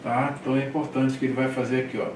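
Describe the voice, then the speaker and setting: A man's voice: medium pitch, flat delivery, a little mellow, a little hiss or hum. A man teaching a Greek lesson, patiently reading words aloud and checking in with his students. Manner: slow, patient, drills single words and checks in with "tá?". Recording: echoey room, mic far off, faint ambience.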